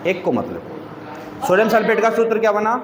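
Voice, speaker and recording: A man's voice: sits high, sing-song, moderate pace, a crowd in the background. A male teacher, quizzing students with repeated questions as he explains a chemistry lesson. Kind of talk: classroom teaching in Hindi. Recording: echoey room with long reverb.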